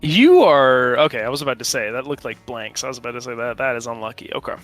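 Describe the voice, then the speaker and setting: A man with a bright voice leads a tabletop role-playing game as game master. He improvises narration and explains rules informally and haltingly, with faint music behind him. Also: mid-range voice, expressive.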